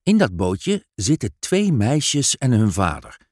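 Man reading a kids story aloud, slow and singsong, dry close mic. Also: mid-range voice, no room sound. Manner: slow, expressive read-aloud for children. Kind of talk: storybook narration.

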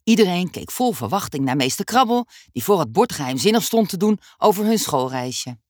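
A woman narrating a children's story with expressive storytelling. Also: fairly low pitch, a little fast, no room sound, studio quality.

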